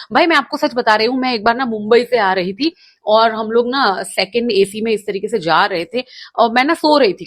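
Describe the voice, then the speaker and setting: A woman hosting a casual roast commentary, talking in a sarcastic, mocking, ranting way. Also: a little high. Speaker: commentary host.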